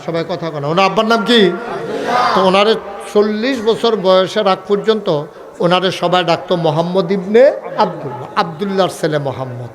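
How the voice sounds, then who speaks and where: A man preaching a waz sermon in colloquial speech, firing questions at the crowd for answers and rising to shouts and chanted lines. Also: high-pitched. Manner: calls questions to the crowd for replies; lively, rises to shouts, chants some lines. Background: crowd at an open gathering.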